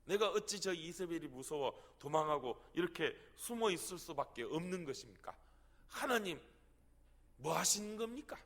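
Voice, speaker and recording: Man doing a tired indignant prophet, pleading, high-pitched, long reverb. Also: lively intonation, normal speed, fairly bright tone. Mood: bewildered protest. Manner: pleading, protesting, emphatic. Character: weary indignant prophet Elijah, adult man.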